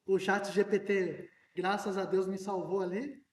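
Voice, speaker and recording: A pastor with an unusually high male voice delivers his sermon with animated energy, sometimes nearly shouting. He sounds as though he stands some way from the mic. The church hall around him rings with echo. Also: unhurried, recorded from a distance.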